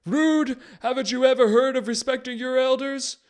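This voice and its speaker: A crazed, older human wizard rambles in a piercingly high, cracking register far above any ordinary speaking voice, trailing off mid-thought, circling back and bristling indignantly at any slight. Despite the shrill, scatterbrained manner, his tone stays steady, clean and a little mellow at normal speed.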